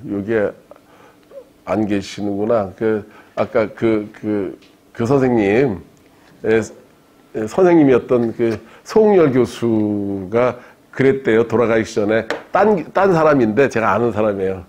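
A male philosophy professor giving a lecture to a live audience, telling lively anecdotes and laughing along with his own jokes. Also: lowish voice, a little slow. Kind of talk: university-style public lecture.

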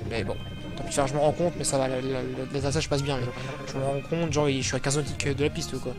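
A man's voice: mid-range voice, steady tone, quick pace. A man from France with a French accent, casually commenting on his flight sim game and rambling with lots of fillers and self-corrections, recorded on a desktop mic over background music. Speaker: flight sim video host. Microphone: desktop microphone.

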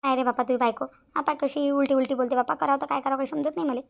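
A woman voicing cartoon characters in a fast, chatty, complaining way. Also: high-pitched, fairly even intonation, creaky. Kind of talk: Marathi cartoon voice acting.

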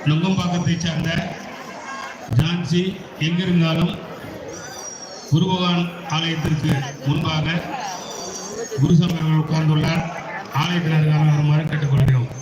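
A man making formal, repeated announcements at a temple festival through an outdoor loudspeaker. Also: a little high, little pitch movement, normal speed, long pauses, muffled recording, background noise. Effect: outdoor loudspeaker public address. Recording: echoey loudspeaker sound heard from a distance over a loud crowd.

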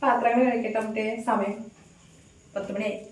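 A woman's voice: little pitch movement, fairly quick. A middle-aged woman vlogging casually from her home kitchen, chatting along as she cooks and tags her sentences with a friendly aside. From Kerala, India. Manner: chatty, talks to pets in a high coaxing voice, often tags "kētto". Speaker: village vlogger. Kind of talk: casual home vlog narration. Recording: roomy echo, distant from mic, faint noise.

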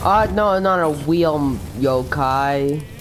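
A woman's voice: low voice, slow pace, noisy background. A woman raging at a video game, commentating with exasperated outbursts and swearing. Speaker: gamer. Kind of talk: gameplay commentary. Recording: game music behind the voice. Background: video game music.

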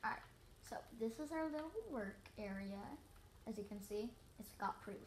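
A woman's voice: mid-range voice, expressive, normal speed, echoey room, a little hiss or hum. A teenage girl casually showing off a house she built in a game, rambling with lots of fillers. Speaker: gamer giving a house tour. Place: living room in front of a TV.

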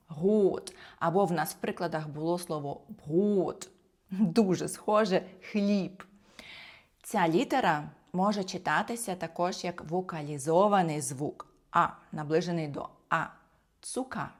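A woman's voice: fairly low pitch, measured pace. A woman teaching German pronunciation, explaining each sound carefully and repeating every example word. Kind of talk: pronunciation lesson.

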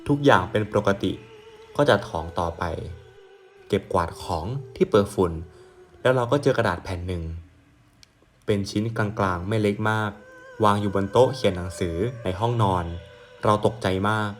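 Low-voiced man narrating a ghost story. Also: normal speed, soft background music. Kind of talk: reading a ghost story aloud.

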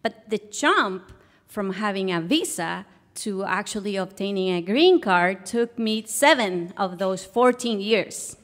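A Guatemalan woman with a Guatemalan Spanish accent tells a personal story as a guest at a live stage show, addressing the audience. Her medium-pitched voice is expressive and unhurried.

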